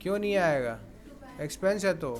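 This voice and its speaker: A high-pitched man teaches an accounts class, coaxing his students and pausing often to ask them questions. A faint hiss sits behind his voice. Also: lively intonation. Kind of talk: classroom lecture.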